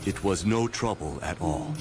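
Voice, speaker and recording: A polite mystic's pupil from a video game. His fairly low voice moves expressively through formal, helpful lines over background music. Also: animated. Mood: courteous. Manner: formal, courteous, measured.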